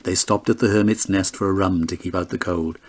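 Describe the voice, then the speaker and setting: A man reading a story aloud in a low voice. He narrates lyrically and with a steady storytelling rhythm. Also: fairly quick. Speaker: audiobook narrator. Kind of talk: audiobook narration.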